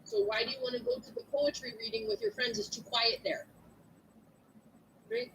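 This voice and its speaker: A woman lecturing a class in an animated way, acting out little scenes with clients. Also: very high voice, moderate pace, vocal fry, a little hiss or hum, poor audio. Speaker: instructor.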